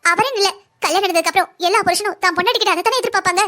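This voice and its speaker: A young wife and mother from a cartoon drama, voiced by a woman who defends her husband. Her voice is very high, and she talks at a racing pace. She pleads with her family and pushes back at them by turns. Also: rapid-fire, bright, forceful tone. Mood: earnest. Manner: pleading yet defiant.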